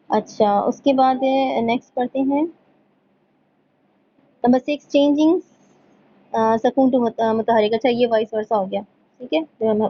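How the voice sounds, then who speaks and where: Higher-voiced woman teaching a class. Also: muffled recording. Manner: explains in Urdu, reads English points slowly from slides; checks in often with "theek hai". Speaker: tajweed teacher. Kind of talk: online class lesson.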